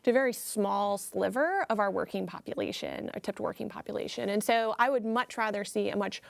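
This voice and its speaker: Gravelly-voiced woman panelist. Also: medium pitch, dry recording. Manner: measured, thoughtful, with fillers. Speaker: political panelist, former state senator. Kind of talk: studio panel discussion.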